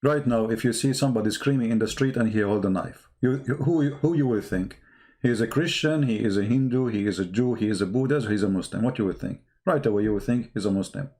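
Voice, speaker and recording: This online commentator talks fast in a low, dark-toned voice. English isn't his first language; he gives impromptu, polemical remarks that are emphatic, repetitive and studded with rhetorical questions.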